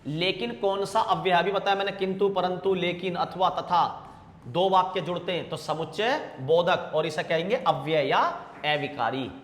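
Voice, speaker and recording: Man, grammar teacher, somewhat high voice, repeats answers, roomy echo with long reverb. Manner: drawn-out repetition of answers; calls students 'bhaiya' and 'beta'. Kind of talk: exam-prep grammar lesson. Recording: echoey room with long reverb.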